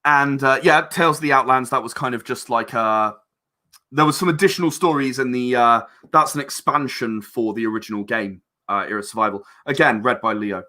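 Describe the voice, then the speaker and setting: Speaking briskly in a medium-pitched, pushed and bright voice, a game and audio drama creator chats casually as an interview guest. He rambles a bit while describing his creative work.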